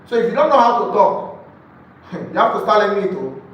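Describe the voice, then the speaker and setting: This real estate sales trainer, a man with a Nigerian accent, gives a live training lecture to a group in a high, very animated voice at a moderate pace. He stresses points, repeats key phrases, and poses rhetorical questions; the lo-fi recording comes from a distant mic in an echoey room with faint noise.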